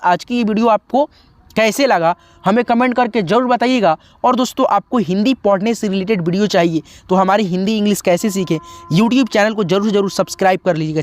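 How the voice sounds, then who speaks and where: A man's voice: high-pitched, no room sound. A man teaching Hindi as a video lesson, reciting syllables one at a time and coaxing viewers to practice. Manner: chants syllables one by one, then coaxing and repetitive asides.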